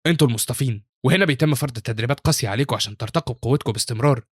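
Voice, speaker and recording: A man's voice: mid-range voice, very fast, no echo, clean studio sound, close to an everyday voice. A man with an Egyptian Arabic accent voicing a harsh, angry male academy teacher who barks out scorn. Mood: stern. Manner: scornful, barking.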